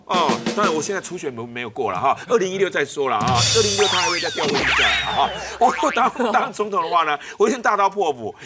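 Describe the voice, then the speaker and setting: In a comedy sketch, a male actor with a Taiwanese Mandarin accent plays a blustering, self-important middle-aged politician. His voice is a little high, and he's bombastic, constantly asking "right?" and drawing out his exclamations. Loud music plays underneath.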